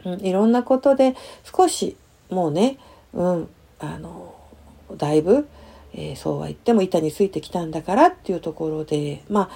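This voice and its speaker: A middle-aged woman counselor telling a personal story softly and hesitantly, with many fillers and lively sound words. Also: on the low side, moderate pace, vocal fry, husky.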